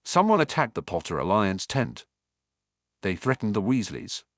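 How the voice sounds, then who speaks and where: A man's voice: on the low side, huge pitch swings, normal speed, fairly bright tone, no room sound, studio quality, exaggerated voice. A man voicing a brave teenage boy wizard who gives urgent orders, in a fan audiobook. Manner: urgent, commanding.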